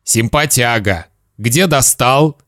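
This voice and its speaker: A stern, increasingly flustered father grilling his son, as a man reading a storybook puts him on. His questions come slowly and the sound is close and dry. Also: medium pitch, fairly bright tone, no echo. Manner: stern, interrogating, then pleading. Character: flustered, nervous father, growing frantic.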